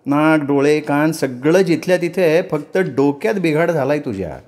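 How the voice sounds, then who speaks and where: पुरुष कथाकथनकार साकारतो धीट, फटकळ तरुण गावकरी स्त्री. आवाज थोडा उंच, टोमणे मारणारा, न घाबरता ठामपणे बोलणारा. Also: male voice, a little high, animated, normal speed, darkish tone, pitched above the performer's own voice, natural voice. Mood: defiant. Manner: defiant, mocking. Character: bold, sharp-tongued young village woman.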